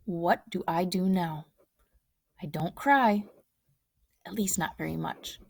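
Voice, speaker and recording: Woman gently reading a picture book. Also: on the low side, slow, gravelly, no echo, clean studio sound. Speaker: storybook reader.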